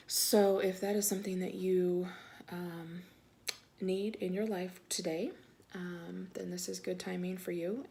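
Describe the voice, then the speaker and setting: A woman talking casually about faith and reading her devotional blog aloud, soft-spoken with many fillers. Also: lowish voice, creaky.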